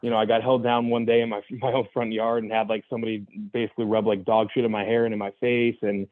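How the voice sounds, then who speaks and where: Fast-talking and flat in delivery, this young man has a voice on the low side, with no room sound over a tinny phone-like connection. As a conversation guest he candidly relates his own story, earnest and reflective, full of restarts and "you know"s.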